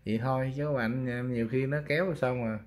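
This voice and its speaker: Talking to viewers like old friends, a man with a Southern Vietnamese accent presents fishing rods for sale in a casual showcase. His voice sits at medium pitch, steady in tone, and he speaks quickly.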